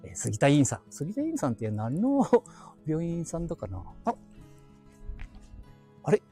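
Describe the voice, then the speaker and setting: A man with an Aichi dialect, streaming live while walking quiet residential streets, chatting to himself with chuckling asides on a hand-held phone. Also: fairly high pitch, wildly swooping pitch, unhurried, faint music behind. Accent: Aichi (Nagoya-area dialect). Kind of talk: casual rambling walk-and-talk.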